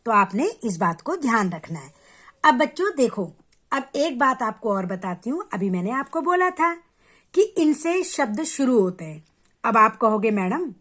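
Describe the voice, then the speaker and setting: A woman's voice: high voice, a bit bright. Patient woman teaching children. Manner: patient, explains step by step, addresses children directly; repeats sounds slowly and clearly to demonstrate. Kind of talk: children's Hindi grammar lesson.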